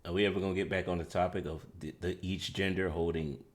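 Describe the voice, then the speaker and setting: Very deep-voiced measured man. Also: steady tone. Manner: measured, explanatory, keeps steering back to the topic. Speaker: panelist. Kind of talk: casual panel discussion.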